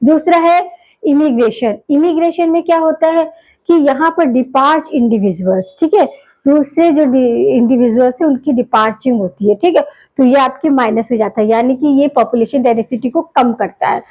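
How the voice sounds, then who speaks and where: A woman teaching a biology lesson, asking questions and answering them herself, with English terms mixed in and definitions spelled out slowly. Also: high voice, a little mellow, poor audio. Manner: asks questions and answers them herself, keeps saying "theek hai"; mixes English terms into Hindi speech. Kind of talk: classroom lecture.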